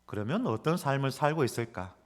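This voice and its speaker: Male pastor telling a story in a sermon, really lively intonation, echoey church hall. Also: mid-range voice, brisk. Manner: animated storytelling, acting out quoted lines. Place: church sanctuary. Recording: long reverb of a church hall.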